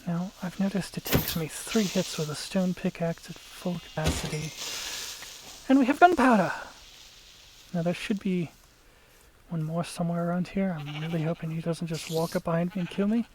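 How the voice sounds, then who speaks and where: Casual let's play commentary, chatty gamer explaining moves to viewers, middle pitch, the odd whispered bit. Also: steady tone, normal speed, darkish tone, a little hiss or hum, low-quality recording.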